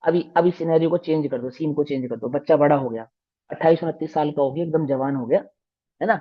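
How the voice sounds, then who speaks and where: Brief: a man teacher with a higher voice, lively and questioning, in a dull lo-fi recording. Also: quick pace. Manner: animated, asks the class rhetorical questions. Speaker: religious teacher. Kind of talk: storytelling lesson to children.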